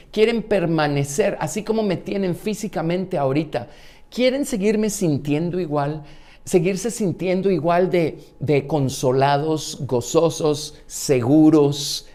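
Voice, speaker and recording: A man's voice: a little high, a little mellow. A male pastor with a Guatemalan Spanish accent teaching a Bible study in a conversational sermon, with frequent fillers and restarts.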